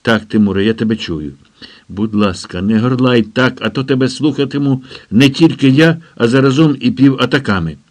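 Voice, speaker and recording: A man's voice: mid-range voice, normal speed, close to an everyday voice. A man reading an audiobook, voicing a young American man answering over a radio in a dazed, trailing way. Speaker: character in an audiobook.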